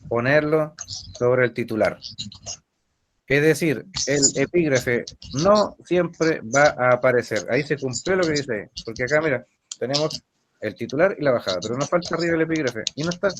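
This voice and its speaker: A man's voice: mid-range voice, lively intonation, normal speed. Chilean male teacher, patient explainer, quizzes his student over a faint hiss. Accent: Chilean Spanish. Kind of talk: recorded language lesson. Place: online class session.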